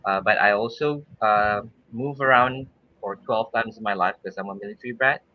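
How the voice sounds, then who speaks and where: A Malaysian swimming coach in his thirties talks easygoingly in a casual podcast interview, his voice on the low side at a normal speed. He uses many fillers and laughs now and then, and the lo-fi recording sounds dull.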